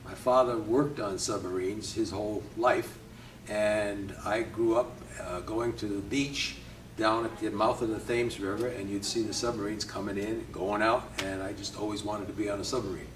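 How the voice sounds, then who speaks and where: An older man from Connecticut, a Navy veteran, reminisces in an easygoing interview, often chuckling and pausing with hesitations. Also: lowish voice, steady tone, slight background noise. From Connecticut, USA. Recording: roomy, distant from mic, faint ambience.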